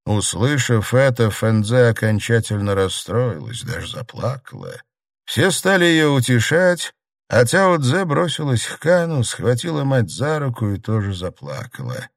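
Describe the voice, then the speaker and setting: A man narrating a classic novel as an audiobook reader, in a steady, even storytelling manner. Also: medium pitch, measured pace, vocal fry, no echo, clean studio sound. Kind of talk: scripted narration.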